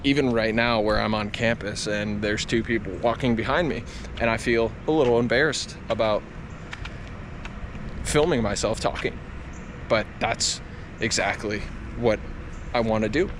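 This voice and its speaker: A man's voice: fairly low pitch, normal speed. A man talking reflectively to camera in an earnest, confessional way, as a running vlogger. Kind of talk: reflective vlog talk to camera. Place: outdoors on a campus. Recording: clear outdoor traffic and ambient noise.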